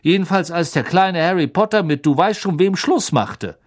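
An audiobook narrator performs an excitable young male bus conductor who gossips, tells his story dramatically, and keeps seeking agreement. The reader raises the voice above his own and adds force, landing at a medium pitch and moderate pace still close to an everyday voice.

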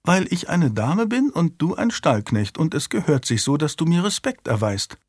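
A man's voice: on the high side, sing-song, normal speed, a little mellow, breathy edge, no room sound, studio quality, pitched above the performer's own voice. A prim five-year-old noble girl, read by a man. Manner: prim and precocious.

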